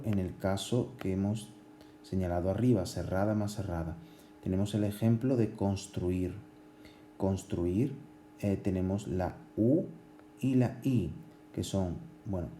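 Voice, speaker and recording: A man teaching grammar at a board, explaining slowly with many pauses, fillers and restarts. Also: low voice, warm tone, reverberant, slight background noise. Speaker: Spanish language teacher.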